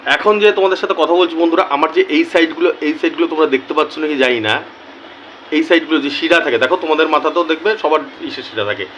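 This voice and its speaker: A man with a slightly raised pitch speaks slowly and deliberately to his channel's viewers, repeating words to drive a point home. His tone is earnest and personal, like a casual talk straight to camera. A faint hiss sits under the voice. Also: a bit bright, highs cut off. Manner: slow and deliberate, repeats key words for emphasis. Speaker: YouTuber addressing his viewers.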